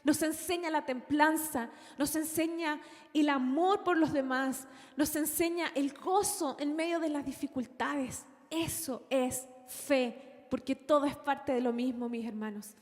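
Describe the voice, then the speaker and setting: Woman, high voice, earnest sermon storytelling, long hall reverb. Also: a little slow. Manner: earnest storytelling, addresses the congregation as brothers. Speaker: preacher.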